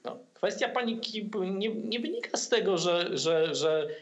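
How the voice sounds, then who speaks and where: Higher-voiced Polish man on a video call. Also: animated, unhurried, highs cut off. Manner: hesitant, many fillers and restarts. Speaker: political commentator guest. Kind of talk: video-call political discussion. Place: room at home. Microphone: laptop webcam on video call.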